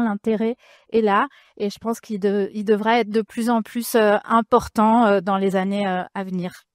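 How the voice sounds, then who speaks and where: A woman's voice: medium pitch, a little mellow, dry recording, studio quality. A woman moderating a panel, speaking off the cuff in a hesitant, thoughtful way. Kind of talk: unscripted panel discussion.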